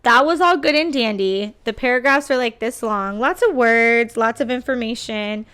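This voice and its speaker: A young adult woman, a teacher candidate, chats about how her test went, constantly saying "girl" and "like." Her voice is fairly high and clear, with a fairly bright, resonant tone, and she talks at a normal speed.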